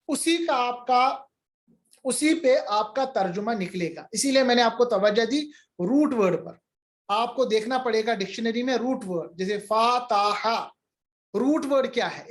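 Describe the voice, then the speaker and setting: A male teacher giving an online grammar lecture, patiently repeating examples and answering student questions. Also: extremely high pitch.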